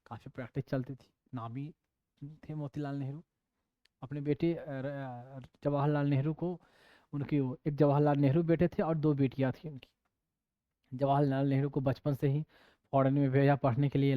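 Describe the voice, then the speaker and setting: A man's voice: medium pitch, dry recording. A man teaching an exam coaching class in a casual, digressive lecture style, often mixing in English terms. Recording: dull lo-fi dry recording.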